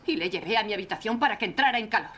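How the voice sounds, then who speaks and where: A woman's voice: mid-range voice, animated, racing, sharp tone, slight background noise. A woman dubbing a defiant, wounded young woman in a 1930s film, bitter and accusing, her voice breaking into tears. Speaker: witness.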